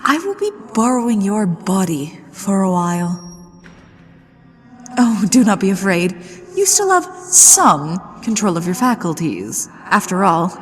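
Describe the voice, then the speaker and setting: A woman playing a flirtatious, mischievous, genteel ghost lady of a haunted manor in an ASMR roleplay, with a coy, aristocratic, teasing delivery. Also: on the low side. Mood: possessive, playful. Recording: long echoing reverb with music behind. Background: music.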